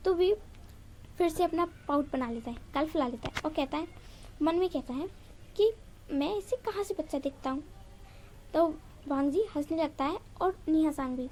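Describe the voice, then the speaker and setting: High, mellow-voiced woman retelling a story. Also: normal speed, pauses often, a little hiss or hum. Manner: chatty, strings events together with "so". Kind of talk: casual retelling of a fan story.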